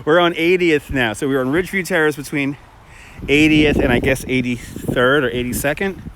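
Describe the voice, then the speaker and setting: A man's voice: fairly high pitch, fairly even intonation. A man chatting casually and enthusiastically as he hosts a live stream on a walk outdoors in the wind, rambling and repeating his phrases. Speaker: livestream host walking and showing holiday lights. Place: outdoors walking on windy residential streets. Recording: loud wind noise on outdoor mic. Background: wind and rain-like rushing noise.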